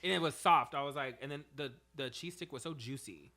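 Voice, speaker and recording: A young man in his twenties chatting on a podcast in a studio, telling animated, profane, slang-filled stories. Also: mid-range voice, fairly quick. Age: 20s. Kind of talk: casual chat.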